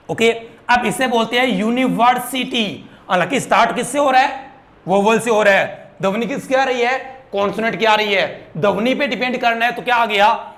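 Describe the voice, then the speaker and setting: A man's voice: high-pitched, fairly bright tone. A young man teaching a grammar lesson, asking his students questions and drilling the answers.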